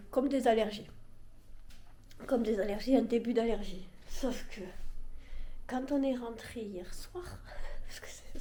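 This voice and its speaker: A young woman vlogs from home, her regional French accent stronger through a blocked, nasal nose. Her voice sits a touch high, and she rambles in a loose, self-deprecating way. She sounds plainly sick with a cold. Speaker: vlogger. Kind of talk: casual vlog chat.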